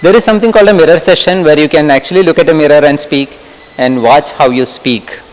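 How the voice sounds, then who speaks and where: A middle-aged man from Kerala speaks with a Malayali English accent and a fairly high voice. He talks in a relaxed, conversational way as he gives a workshop lecture and asks the audience questions. His voice rings with the long reverb of a lecture hall. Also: fast. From Kerala, India. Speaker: medical lecturer.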